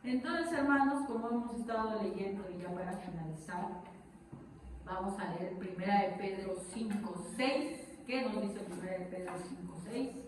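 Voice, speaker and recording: A woman preaching a sermon, lively, asking the congregation rhetorical questions. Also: medium pitch, normal speed, background noise. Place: church hall. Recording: echoey hall, from far off.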